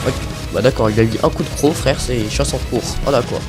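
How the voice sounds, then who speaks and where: A man giving casual, excitable commentary on his own gameplay, pleading with the game and swearing casually. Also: medium pitch, brisk, over loud music.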